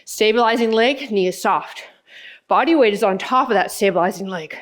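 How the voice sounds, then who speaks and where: A woman's voice: medium pitch, normal speed. A woman fitness instructor coaching a workout, counting out moves and giving short, encouraging cues.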